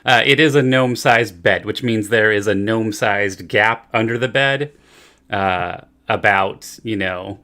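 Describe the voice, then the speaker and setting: Game master, male, lowish voice with a very sharp bright edge, improvising scenes casually among players. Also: unhurried.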